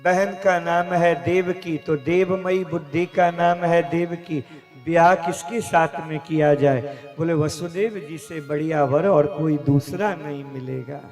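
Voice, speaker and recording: A man telling a devotional story as a sermon, slowly and dramatically, acting out the dialogue. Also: a little high, steady tone, darkish tone, faint music behind. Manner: slow, dramatic retelling with acted dialogue. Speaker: kathavachak, religious storyteller. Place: religious gathering, live event.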